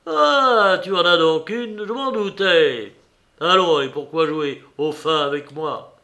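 A sneering blackmailer, his voice pitched up and loud as he jeers, pressing and relentless, as a man reading a novel aloud puts him on. The delivery is emphatic and mocking in a storybook reading. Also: slow pace, heavily acted. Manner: raised, jeering, emphatic.

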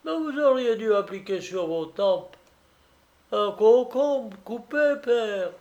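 A man's voice: sits high, animated, takes it slowly, a little mellow, dull audio, pitched above the performer's own voice, exaggerated voice. A man voicing a bustling, motherly woman baker who fusses over her guest. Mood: fussing. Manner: fussing, solicitous, folksy remedies. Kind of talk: audiobook reading.

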